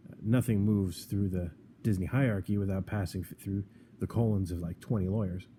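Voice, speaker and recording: Low, dark-voiced man arguing opinions. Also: steady tone, brisk, a little hiss or hum. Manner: sarcastic, argumentative, frequent restarts. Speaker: podcast co-host. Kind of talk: opinionated casual chat.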